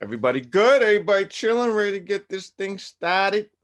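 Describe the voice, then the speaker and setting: Animated man on a casual podcast. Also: sits high, fairly quick. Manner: animated, swings loud and soft, laughs, swears freely. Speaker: podcast co-host. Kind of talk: casual chat.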